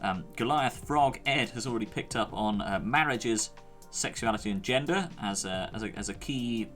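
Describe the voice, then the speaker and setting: A man's voice: medium pitch, normal speed, fairly bright tone, soft background music. A man from the UK co-hosting a podcast, reading out listener comments in a dry, hesitant way full of fillers. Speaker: podcast co-host. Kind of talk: casual chat.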